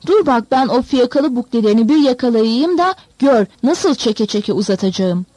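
A woman's voice: on the high side, animated, moderate pace, mellow, no echo, rough recording. A woman voicing an angry young man, the harsh older brother, in a storybook reading, scolding and threatening.

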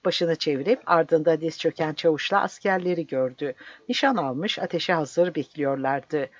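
A narrator reading a novel aloud in a measured, dramatic way. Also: medium pitch, no room sound. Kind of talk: audiobook narration. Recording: slightly dull dry recording.

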